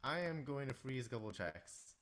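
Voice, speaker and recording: This man talks quickly in a fairly bright, mid-range voice with big pitch swings. Congested and hoarse from a sore throat, he composes music live, chatting with his viewers and reading their chat out loud.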